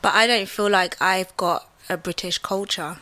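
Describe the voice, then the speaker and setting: This young woman from Central West Africa talks with a bright, sharp tone. She argues a point in a relaxed debate, full of fillers and checks like "you get me." Her pace jumps between quick bursts and slow, weighed phrases. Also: mid-range voice. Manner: animated, many fillers, often asks "do you get what I mean". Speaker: channel host. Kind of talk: casual debate conversation.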